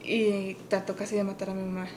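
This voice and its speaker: A woman co-hosting a podcast, telling a personal story and switching between English and Spanish mid-sentence. She rises high and loud when quoting her parents. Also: flat delivery, brisk. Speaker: podcast co-host.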